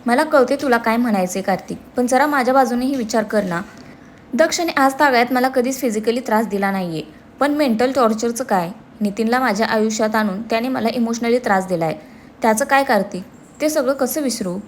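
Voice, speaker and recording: A woman voicing an emotional, quick-tempered young woman. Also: fairly high pitch, slight background noise, lightly acted. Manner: emotional, feisty.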